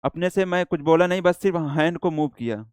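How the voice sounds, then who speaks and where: Indian male teacher, smooth and dry. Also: fairly high pitch, darkish tone, dry recording. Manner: explains slowly, repeats, mixes English words into Hindi. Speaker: shorthand teacher. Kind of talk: classroom lecture.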